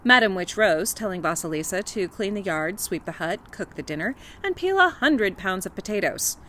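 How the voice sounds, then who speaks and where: A woman reads a folktale aloud as a storyteller, shaping it with dramatic emphasis. Her mid-range voice moves through a lively, animated melody, with faint noise in the background. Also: mid-range voice, normal speed. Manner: expressive, dramatic reading. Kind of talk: folktale read-aloud narration.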